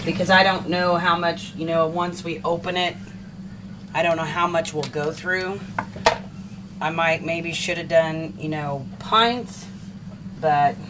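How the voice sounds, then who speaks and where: A woman giving a casual step-by-step home canning demonstration in her kitchen, chatting and thinking aloud as she works. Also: on the low side. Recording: home video with steady background noise.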